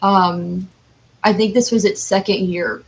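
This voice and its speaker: A woman chats casually as a podcast guest, enthusiastic, giggly, and informal throughout. Her voice is medium-pitched and gravelly, with fairly even intonation and a slightly slow pace. Crowd noise sits in the background.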